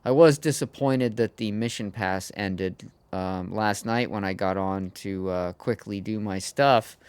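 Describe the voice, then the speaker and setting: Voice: low voice, unhurried, a little mellow, smooth, no room sound. A streamer chatting casually on a livestream, rambling and laughing often with the viewers.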